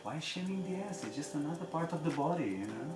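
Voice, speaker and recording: A man's voice: a little high, lively intonation, quick pace. Echoey male host chatting over faint music. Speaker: massage teacher and channel host. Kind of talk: casual reaction chat, reading comments aloud. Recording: echoey room with background music.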